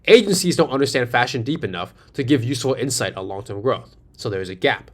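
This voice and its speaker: Animated and fast, the agency founder from New York City sells hard over his slides in a medium-pitched voice with a New York accent. Rhetorical questions and repeated key phrases drive his persuasive presentation.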